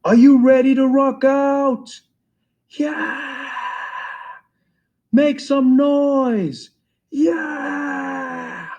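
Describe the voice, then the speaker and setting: A man's voice: extremely high pitch, steady tone, drawn-out words, long pauses, muffled recording, voice pushed up, exaggerated voice. A man doing a young hype-man DJ. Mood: hyped. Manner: loud crowd-hyping calls. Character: young male hip-hop DJ hyping a crowd.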